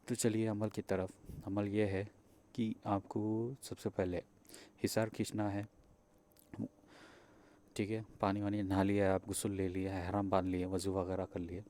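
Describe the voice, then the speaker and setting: A man's voice: sits low, flat delivery, warm tone. A man with a Pakistani Urdu accent, a spiritual practitioner, teaching viewers a ritual step by step, repeating points and checking in often, with some hesitant fillers. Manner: repeats steps, checks in with "theek hai". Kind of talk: spoken instruction to viewers.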